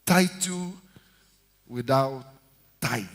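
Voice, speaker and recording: A man in his fifties, a senior pastor preaching a sermon with shouted call-and-response to his congregation. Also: mid-range voice, drawn-out words. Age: 50s. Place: church hall. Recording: echoey church hall reverb.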